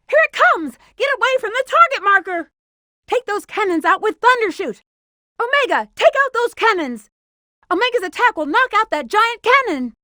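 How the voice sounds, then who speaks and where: Rouge the Bat, very high-voiced sassy game heroine. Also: female voice, bright, forceful tone, no echo, clean studio sound, exaggerated voice. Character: flirty, cool-headed female bat treasure hunter, adult. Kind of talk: video game voice acting, short in-game hints and callouts.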